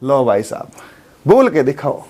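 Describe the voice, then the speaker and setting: A man teaching an exam-prep class, hoarse from a sore throat, quizzing students and repeating memory tricks. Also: medium pitch, very animated, a little slow, a little mellow. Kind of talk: animated online exam lesson.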